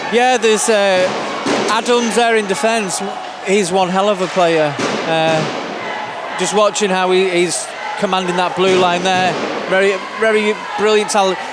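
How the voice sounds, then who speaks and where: A man giving conversational colour commentary on live ice hockey in a halting, informal way. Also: high voice, fairly even intonation, very noisy. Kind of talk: conversational live sports analysis. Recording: loud arena crowd and music behind. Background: loud crowd and music.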